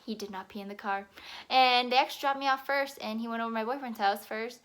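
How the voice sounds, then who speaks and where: A woman's voice: a little high, fairly even intonation, quick pace, fairly bright tone, clear, resonant tone. A young woman telling a rambling, casual vlog story, full of fillers and asides. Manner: chatty, rambling, lots of "like". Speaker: vlogger.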